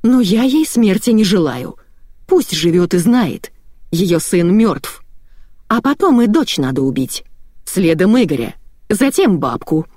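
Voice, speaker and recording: A woman's voice: medium pitch, sing-song, a little slow, dark tone, dry recording, studio quality. A woman voicing a hysterical, vicious middle-aged woman who shrieks and sobs. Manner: shrieking, sobbing outbursts.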